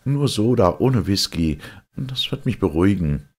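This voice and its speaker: A man voicing an excitable, gloomy male time traveller in an audiobook, speaking with raised, urgent insistence. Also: low voice, moderate pace, breathy edge, pitched above the performer's own voice, heavily acted. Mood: insistent. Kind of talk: audiobook character reading.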